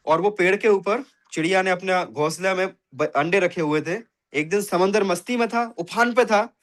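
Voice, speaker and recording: A man's voice: high voice, fairly bright tone. A man presenting a business plan as a motivational talk, calling listeners friends and tagging his points with rhetorical questions.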